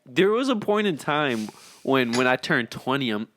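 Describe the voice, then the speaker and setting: A man's voice: medium pitch, very animated, normal speed, a bit bright, slight background noise. A man in his twenties co-hosting a podcast, reflective and earnest in casual chat. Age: 20s. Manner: reflective, earnest, says "bro" and "dude". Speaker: podcast co-host.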